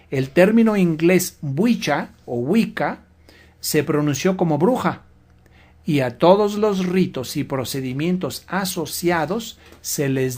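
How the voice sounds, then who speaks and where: A man speaks slowly and deliberately. He sounds like a guest lecturing on a religious radio program, laying out each point in a measured way. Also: fairly high pitch, a little mellow. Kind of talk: slow explanatory religious radio talk.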